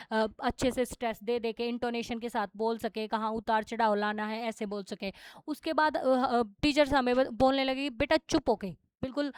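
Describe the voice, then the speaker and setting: A woman's voice: fairly high pitch, clear, resonant tone, dry recording. A young woman with a Haryanvi Hindi accent teaching an exam-prep lesson, explaining in a casual way with English terms mixed in.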